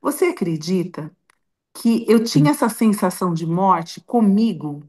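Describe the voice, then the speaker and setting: A woman's voice: mid-range voice, sing-song, measured pace, a little mellow. A middle-aged Brazilian woman and grandmother, telling a personal story in an interview in a heartfelt, emotional way with many restarts. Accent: Brazilian Portuguese. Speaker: interview guest.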